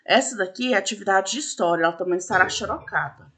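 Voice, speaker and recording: A woman's voice: mid-range voice, quick pace, fairly bright tone, slightly rough. A woman teacher patiently explaining a school lesson step by step, with frequent fillers. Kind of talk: recorded classroom lesson.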